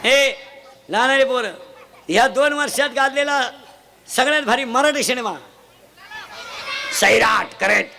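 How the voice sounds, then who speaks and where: A man giving a comic kirtan sermon, teasing and shouting questions to children in the audience. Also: very high-pitched, unhurried, creaky, pauses often, crowd noise. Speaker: kirtan preacher. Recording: noisy live event ambience.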